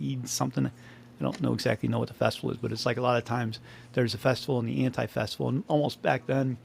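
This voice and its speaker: A man's voice: medium pitch, creaky, slight background noise. A man co-hosting a podcast in casual chat, rambling, laughing often and trailing off mid-sentence. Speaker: podcast co-host.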